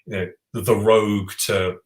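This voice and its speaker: A podcast co-host with a fairly low voice chats eagerly and casually about board games, often restarting his sentences. His tone is level and his pace moderate, and his voice bounces around a roomy, echoey space.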